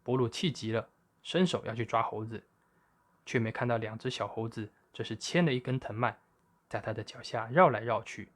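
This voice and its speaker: A man narrating a children's story in a lively, expressive way. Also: mid-range voice, moderate pace.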